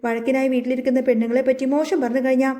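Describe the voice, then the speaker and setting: A woman's voice: high-pitched, steady tone, rapid-fire, mellow, close to an everyday voice. A woman reading the part of a wronged young wife who speaks firmly and with dignity in a storybook retelling. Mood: resolute. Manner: firm and resolute.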